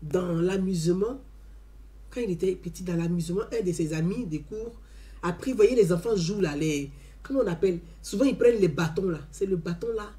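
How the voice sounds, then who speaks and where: A woman telling an animated story as a testimony. She talks emphatically, repeats her phrases and often adds "hein". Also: fairly low pitch, a little fast. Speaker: community member giving a testimony.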